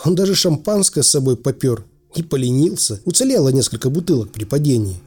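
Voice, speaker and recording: A man's voice: medium pitch, big pitch swings, fairly quick, a little mellow, breathy edge. A man reading an audiobook aloud in a conversational, wry storytelling manner. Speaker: audiobook reader. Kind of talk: expressive audiobook narration.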